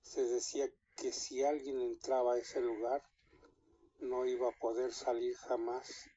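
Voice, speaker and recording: A man with a Mexican accent telling a scary story in an unhurried way, with small restarts mid-sentence. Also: medium pitch, flat delivery, dark tone, husky, muffled recording.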